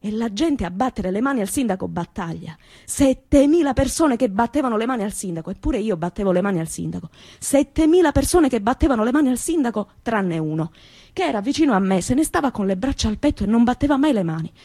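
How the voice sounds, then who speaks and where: A young Calabrian woman recounts her past in a vivid, colloquial, repetitive stage monologue. Her voice sits somewhat high. The recording is close and dry. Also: fast, dry recording. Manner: lively storytelling, repetitive and colloquial. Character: young woman from Reggio recalling her youth. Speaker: actress. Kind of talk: theatrical monologue for radio.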